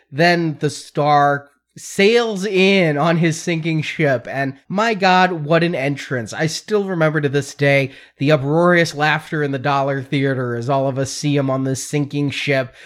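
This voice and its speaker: A man's voice: on the high side, unhurried, hardly any pauses. A man co-hosting a podcast, chatting casually and enthusiastically about a film. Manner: enthusiastic, reminiscing. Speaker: podcast co-host. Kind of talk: casual film review chat.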